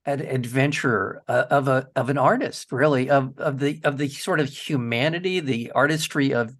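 A man's voice: mid-range voice, moderate pace, a bit bright. A man hosts a film radio show and chats with a guest director. He sounds enthusiastic and keeps restarting his phrases while he works toward his point. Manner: enthusiastic, thinks aloud with restarts. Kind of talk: radio interview.

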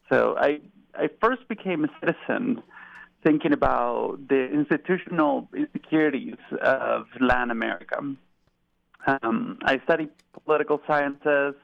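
A man from Argentina calls in to a radio show and answers thoughtfully, pausing often with ums. His voice is strongly gravelly and comes through a dull, muffled line. The sound is dry and close. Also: medium pitch, no echo. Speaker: guest caller, research fellow. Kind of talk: phone-in interview.

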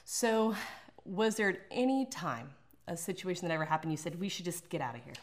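A woman's voice: on the low side, lively intonation, brisk. A woman hosting a casual interview, encouraging her guest and laughing along. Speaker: interview host.

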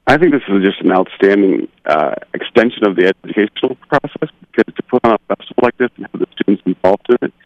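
A man's voice: on the low side, lively intonation, fast, no echo. A man being interviewed as a radio guest over a bad, breaking-up remote connection, speaking with enthusiasm. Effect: choppy, breaking-up remote connection. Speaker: radio guest from a university arts school. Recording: dull lo-fi line with a breaking-up connection.

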